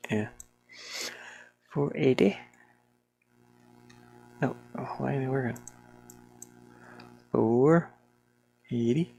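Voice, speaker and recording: There's slight background noise as a solo game developer, working in a small warm room with a fan, talks through their work very slowly and pauses often. Their creaky, medium-pitched voice sounds mellow while they mutter casually, grumble mildly and use "ain't" and double negatives.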